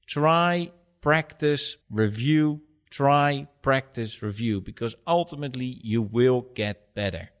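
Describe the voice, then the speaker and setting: A man's voice: medium pitch, slow pace, hardly any pauses, clean tone. A man with a Dutch accent answering conversationally as a podcast guest, direct and instructive. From Netherlands. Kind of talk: conversational interview.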